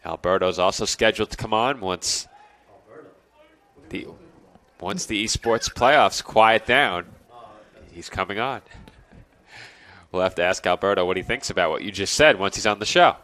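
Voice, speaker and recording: A congested man calling a college baseball game play by play, chatting and joking with his partner between pitches. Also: moderate pace, pauses often, bright, forceful tone. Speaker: play-by-play announcer.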